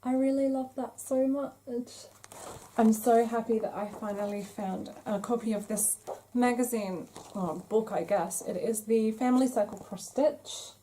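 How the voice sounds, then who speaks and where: This is a casual vlog chat from a craft podcast host who enthusiastically gushes over her finds, showing craft magazines. Her slightly high, dark-toned voice keeps a measured pace, and the poor audio carries a little hiss or hum.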